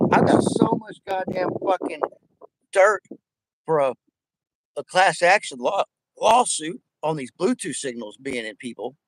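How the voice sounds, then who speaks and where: A man's voice: fairly high pitch, no echo, poor audio. A man with missing front teeth in a casual, profanity-laden rant, talking in a rambling, emphatic, repetitive way. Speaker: vlogger addressing viewers.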